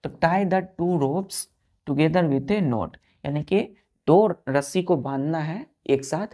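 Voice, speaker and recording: A woman teacher with an Indian accent takes students slowly through English words. She spells each one out letter by letter and keeps asking if it is clear. Her voice is low, dark and gravelly. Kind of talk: classroom vocabulary lesson.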